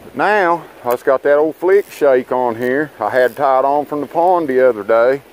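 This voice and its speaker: Fishing off a rocky riverbank, a man at medium pitch and normal speed keeps up a folksy, wandering commentary, addressing his audience as guys and boys. The vlogger's footage comes from an action camera strapped to his body, and the recording is rough.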